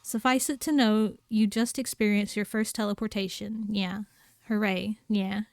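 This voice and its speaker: Give me a deadpan, flat-toned young woman, as a woman reads her. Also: medium pitch, moderate pace, natural voice. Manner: monotone, tacks "yeah" onto lines.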